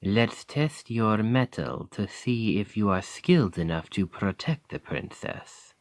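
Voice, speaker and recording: In an ASMR roleplay, a male actor voices a seasoned royal bodyguard with a French accent, sounding wry, testing and measured. His voice sits on the low side and is expressive, captured in a dry recording.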